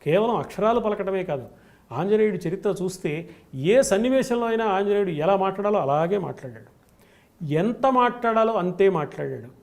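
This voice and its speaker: Give me a man giving a devotional discourse, high-pitched and gravelly, building points in rhythmic lists. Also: a little mellow. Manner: emphatic, rhythmic lists of qualities. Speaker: spiritual scholar guest.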